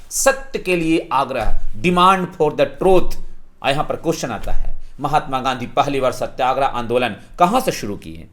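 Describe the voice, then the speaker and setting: A man with a Bihari accent teaching a history lesson for exam students, posing questions and answering them himself. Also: on the high side. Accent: Bihari Hindi. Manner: lively, asks and answers his own questions.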